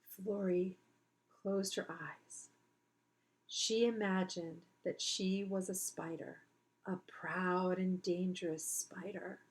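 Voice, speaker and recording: A woman's voice: fairly low pitch, fairly even intonation, slow pace, rough recording. A woman teacher reading a children's book aloud, breaking off to explain things to her listeners in a chatty way.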